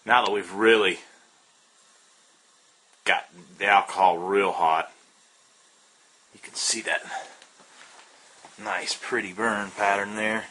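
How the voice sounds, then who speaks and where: Southern guy showing off a homemade stove, bright voice, lots of uhs and ums, laid back. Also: on the low side, slow pace, pauses often, slight background noise. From Southern United States. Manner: relaxed and rambling, with frequent uh and um fillers. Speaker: outdoor gear hobbyist demonstrating a stove. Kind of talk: casual how-to demonstration.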